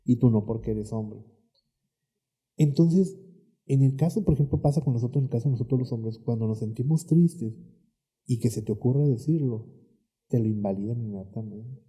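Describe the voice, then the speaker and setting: A man with a Mexican accent, a therapist guest explaining emotions in a calm, reflective podcast conversation. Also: mid-range voice, normal speed, pauses often, husky.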